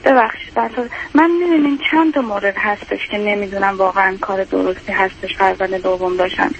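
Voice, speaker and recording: A woman in her thirties calls in with a hesitant, self-doubting manner and halting speech. Her voice is in a middle range and comes through a dull phone line with a faint hiss behind it. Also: mid-range voice, steady tone. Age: 30s. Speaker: caller. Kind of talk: call-in question.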